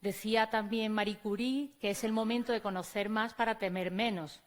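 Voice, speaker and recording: With a steady, mid-range voice at a moderate pace, an Andalusian-accented woman teacher from Córdoba, Spain, presents at a conference, on stage at the venue. Her manner is conversational, and she talks straight to the audience.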